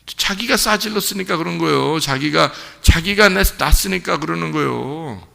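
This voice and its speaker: A man's voice: fairly high pitch, expressive, moderate pace, creaky, pushed and bright, long reverb tail. A male pastor giving an early-morning sermon in a folksy, conversational way, acting out a mother and child in short quoted voices. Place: church sanctuary.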